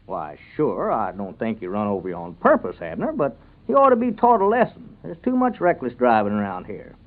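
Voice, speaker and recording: An actor playing an earnest, plain-spoken small-town neighbour with a rural Southern American accent in an old radio comedy serial. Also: male voice, mid-range voice, wildly swooping pitch, brisk. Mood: indignant, insistent. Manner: folksy, earnest. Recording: narrow, tinny vintage radio recording.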